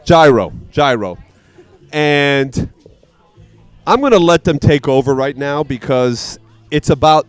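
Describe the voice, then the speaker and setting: Guy hosting radio interview at an event, smooth clear voice, slow and deliberate. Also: mid-range voice, a little mellow. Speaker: radio show host.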